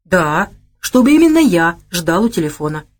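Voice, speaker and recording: A woman voicing a calm, firm young man who speaks steadily and reassuringly. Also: fairly low pitch, normal speed, faint music behind. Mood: puzzled.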